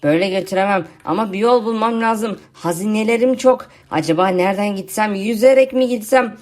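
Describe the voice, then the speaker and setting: A woman's voice: mid-range voice, a little fast, darkish tone, voice pushed down, lightly acted. A woman voicing a worried, treasure-hoarding zombie in a video game who talks to itself about its treasure and dreams of becoming a pirate. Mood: pondering. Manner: fretful, talking to itself in first person.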